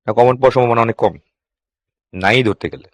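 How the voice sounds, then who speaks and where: A man's voice: mid-range voice, no echo. Man teaching English grammar, dry sound. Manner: asks students quick questions, then answers himself; reads English sentences slowly, then explains. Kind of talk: exam-prep grammar lesson.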